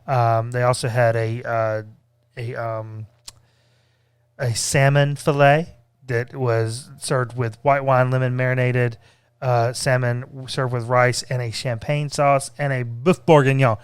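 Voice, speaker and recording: A man's voice: medium pitch, steady tone, takes it slowly, smooth, no room sound. A man co-hosting a casual, conversational food review, often repeating words as he feels his way through a sentence. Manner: hesitant, repeats words as he goes. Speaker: co-host reviewing theme park restaurants.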